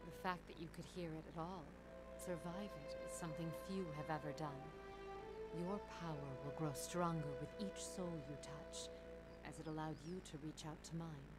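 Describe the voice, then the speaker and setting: An actress playing a gaunt, grieving mystical woman in a video game, speaking in a solemn, deliberate and cryptic manner. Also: sits low, fairly even intonation, lightly acted. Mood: solemn, mysterious. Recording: loud music under the voice. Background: game music.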